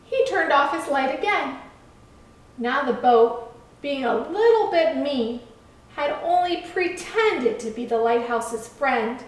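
A woman reading a children's story aloud in a gentle, measured way. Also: high-pitched, lively intonation. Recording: echoey room from far off.

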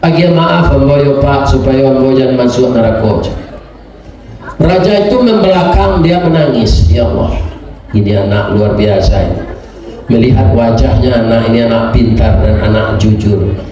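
A middle-aged man with a Minangkabau accent, preaching a sermon through a lively story, acting out the characters with big swings in pitch. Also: normal speed. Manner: animated, acts out characters, shifts pitch often. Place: large hall or school assembly. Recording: echoey hall, distant mic.

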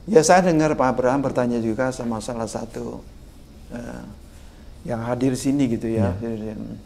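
A man's voice: medium pitch, moderate pace, gravelly, slight background noise. An older man, a guest expert on political communication in a podcast interview, talking emphatically and often addressing the host respectfully. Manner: emphatic, animated, sprinkles "Pak" often.

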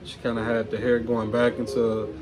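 A man casually chatting through a toy unboxing, relaxed and slangy, often calling listeners "man". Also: medium pitch, normal speed. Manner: laid-back, slangy, says "man" often. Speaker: toy review vlogger.

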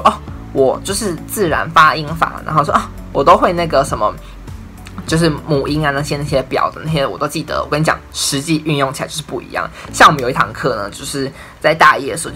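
A young man with a Taiwanese Mandarin accent explains things in a chatty vlog, his tone bright and forward. He keeps stringing thoughts together in an easygoing, talkative flow. Soft music plays faintly behind him. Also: mid-range voice. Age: 20s. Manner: chatty, leans on "I'm telling you" and "and then". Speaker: university English major vlogger. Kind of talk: casual explainer talk to camera.

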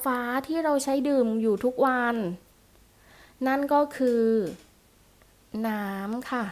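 High-voiced woman teacher, patient. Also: takes it slowly. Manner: patient, questioning, adds polite particles. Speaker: primary school teacher. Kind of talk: recorded online lesson.

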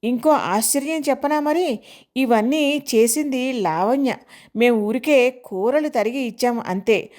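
A man's voice: extremely high pitch, measured pace, a little mellow. A woman voicing a cheerful, teasing older husband in an audio story. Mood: playful. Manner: jovial, teasing.

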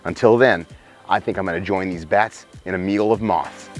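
A man, hosting a wildlife show outdoors by a cave, presenting with excited, emphatic showmanship on a lapel mic. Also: low voice, normal speed, soft background music. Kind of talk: enthusiastic outdoor nature presenting. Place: outdoors by a cave in open country.

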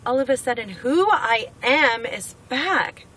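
A weight-loss vlogger in her forties from Oregon, United States, speaks earnestly from a parked car, repeating phrases for emphasis. Her voice is a little high, animated, measured, sharp, and slightly rough. A dashboard camera picks her up from a slight distance, with outside noise.

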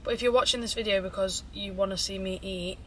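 A young woman talking fast and rambling through a mukbang vlog, chatting between bites of food. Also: mid-range voice, fairly even intonation, sharp tone, a little hiss or hum. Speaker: vlogger.

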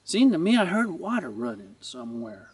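A man, a teacher, reading a children's book aloud with expressive storytelling. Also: sits high, normal speed, husky, no room sound, far from the mic.

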